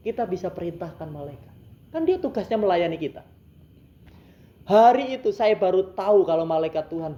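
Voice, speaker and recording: A man's voice: on the high side, mellow, slight background noise. Man preaching in a roomy hall. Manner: conversational, asks the congregation rhetorical questions. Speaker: pastor. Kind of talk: sermon storytelling. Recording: roomy, dull sound.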